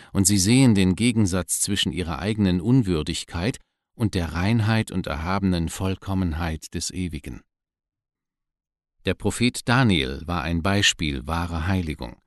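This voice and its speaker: Deep-voiced man reading solemnly. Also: dry recording, clean studio sound. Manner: measured, solemn reading aloud. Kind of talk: scripted devotional reading.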